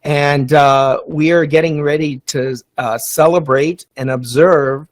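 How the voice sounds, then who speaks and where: A man's voice: a little high, fairly even intonation, measured pace. A man hosting a casual live podcast, enthusiastic and rambling with many ums and uhs. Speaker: podcast host.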